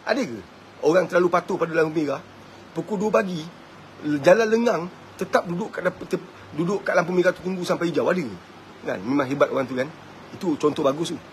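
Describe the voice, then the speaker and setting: A man with a Malaysian Malay accent giving a live-streamed religious talk, animated and chuckling, always asking his listeners whether they agree. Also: fairly high pitch, fast, slight background noise. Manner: animated, keeps asking the audience "right?"; chuckles often. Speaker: preacher.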